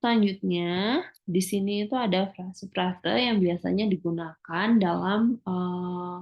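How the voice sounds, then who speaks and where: A woman teacher giving a recorded lecture, explaining slowly with many filler sounds and reading English phrases aloud before translating them. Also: on the low side, lo-fi sound.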